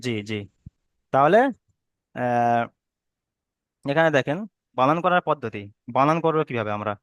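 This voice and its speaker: A man's voice: mid-range voice, lively intonation, a little slow, clean tone, no room sound, lo-fi sound. A man teaching a reading class online, patiently repeating and drilling each sound.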